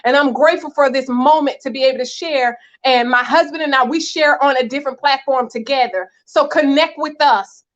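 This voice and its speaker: A woman's voice: sits high, a little fast, few pauses, highs cut off. A woman speaking as a marriage coach guest, earnest and encouraging, talking straight to her listeners. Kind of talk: heartfelt church talk show chat.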